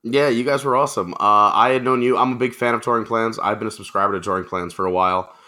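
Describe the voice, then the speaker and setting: A man's voice: lowish voice, steady tone, fast talker, sharp tone. A man talking casually as a guest on a podcast, friendly and chatty with frequent fillers.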